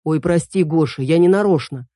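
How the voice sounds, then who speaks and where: A woman's voice: low voice, moderate pace, warm tone, no echo, studio quality. A woman voicing a cheeky young man who teases and jokes offhandedly. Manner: mocking, offhand.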